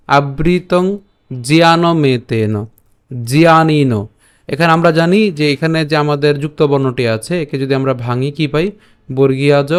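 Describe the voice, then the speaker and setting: Clear-voiced man teaching slow verse recitation. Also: on the high side. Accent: Bengali. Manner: slow, syllable-by-syllable drilling of chanted verse, repeating each word; brisk channel reminders between slow recitation. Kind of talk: online lesson on verse pronunciation.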